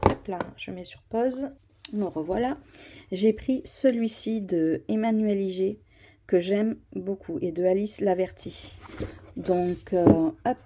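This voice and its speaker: A woman's voice: mid-range voice, takes it slowly, noisy background. A woman chatting casually about her tarot cards, hesitant, with many fillers and restarts. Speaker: tarot vlogger. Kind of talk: casual show-and-tell.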